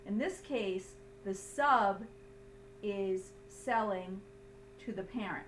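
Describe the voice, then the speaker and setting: Speaking slowly at medium pitch, a woman who teaches accounting explains her lesson one step at a time, stressing points didactically and frequently making sure students follow. A faint hum sits under the audio, which sounds roomy and distantly miked.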